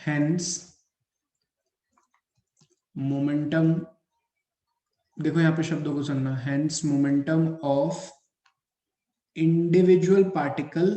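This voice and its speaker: Man, Indian English accent, physics teacher, dictating notes, very slow, repeats phrases, echoey room. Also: a little high, fairly even intonation, dark tone. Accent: Hindi-English mix, Indian English.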